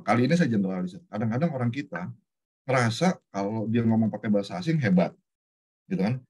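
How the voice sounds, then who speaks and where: A middle-aged man from Indonesia with a husky, slightly breathy voice. He talks casually on a webinar call over a computer mic, acting out little dialogues as he tells stories and slipping English phrases into his speech. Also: mid-range voice. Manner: lively storyteller, acts out dialogues, mixes in English words. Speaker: webinar speaker, HR manager.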